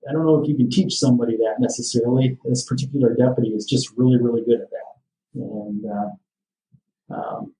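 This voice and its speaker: A man's voice: medium pitch, steady tone, normal speed, creaky, mellow, a little hiss or hum. A man in a casual podcast interview, talking in an easygoing, matter-of-fact way with lots of "you know". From Michigan. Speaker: sheriff's office captain, guest. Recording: roomy, distant from the mic.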